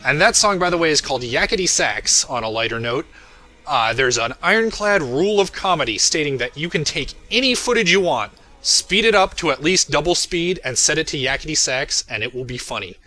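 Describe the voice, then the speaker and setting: This creator's episode commentary comes in a sharp, fairly high, animated voice at a brisk clip. He stays casual and chatty about his work, slipping into asides that tickle him, while music plays beneath.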